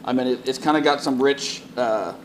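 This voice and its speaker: A man's voice: mid-range voice, normal speed, a little hiss or hum, poor audio. A man co-hosting a casual podcast in a cigar lounge, easygoing, often repeating words as he thinks. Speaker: podcast co-host. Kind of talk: casual chat.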